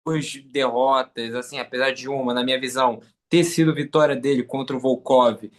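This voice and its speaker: A man's voice: medium pitch, steady tone, moderate pace. Guy interviewing a fighter, chatty, throws in his own opinion. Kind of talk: interview questions.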